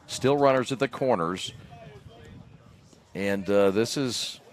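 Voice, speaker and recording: Low-voiced man calling live baseball. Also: slow pace. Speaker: baseball play-by-play announcer. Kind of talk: live sports commentary. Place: outdoors at a ball field.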